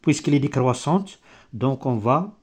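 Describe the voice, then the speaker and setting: A male maths teacher, not a native French speaker, explaining step by step in halting, broken French with grammatical slips and searches for words. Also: medium pitch, lively intonation, darkish tone, slightly rough. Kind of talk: improvised maths lesson.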